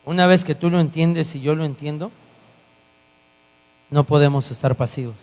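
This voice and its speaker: In a church hall recording marked by long reverb and mains hum, a male guest pastor preaches at a moderate pace in a fairly high voice. He tells his stories with animation, performing the dialogue himself.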